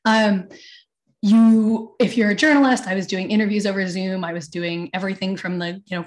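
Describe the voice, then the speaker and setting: Tired-voiced woman on a video call. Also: fairly low pitch. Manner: conversational, many fillers and asides. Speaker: panelist. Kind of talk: webinar talk. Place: her own room at home. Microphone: computer mic on video call.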